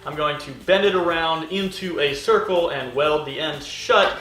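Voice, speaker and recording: In his home workshop, which isn't soundproof, a maker and video host explains a metal build in a relaxed, chatty manner, joking at his own expense. His voice is fairly high and a bit bright, at a moderate pace, and the audio is poor.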